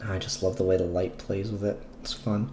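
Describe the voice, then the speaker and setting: Low in pitch with little movement, a bit fast, and darkish in tone, this man hosts an off-the-cuff vlog reviewing comic books. He speaks candidly and wanders between points, dropping the odd swear word, with an echoey room around him.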